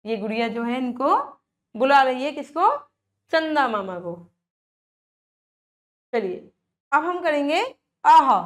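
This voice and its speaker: High-voiced, slow, patient Hindi teacher woman. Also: animated. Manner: patient, checks in with frequent questions to the children; draws out words slowly to model pronunciation. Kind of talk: classroom lesson for young children.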